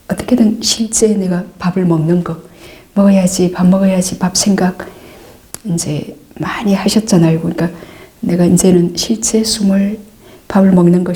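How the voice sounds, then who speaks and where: A middle-aged woman, a Buddhist nun, patiently answering meditation questions, calm and repetitive, sometimes dropping into soft asides. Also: fairly low pitch. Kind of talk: dharma Q&A teaching.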